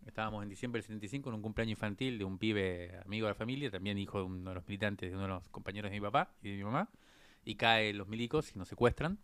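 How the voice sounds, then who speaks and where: An Argentine man in his fifties, speaking with an Argentine Spanish accent, thoughtfully recounts his life story as an interview guest, with frequent hesitant fillers. His lowish voice is very fast, smooth, and fairly bright, recorded with no room sound.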